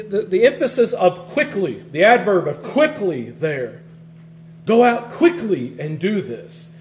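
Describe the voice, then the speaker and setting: A man preaching a sermon in a conversational, animated way, often restarting phrases and swinging between loud and soft. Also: high-pitched, a little hiss or hum. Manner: conversational, animated, frequent restarts, varies loudness widely.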